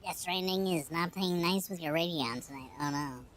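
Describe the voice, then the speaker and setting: A male streamer chatting casually through a high-pitched chipmunk voice filter, rambling with many fillers. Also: normal speed, a bit bright, slight background noise. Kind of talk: casual live-stream chat.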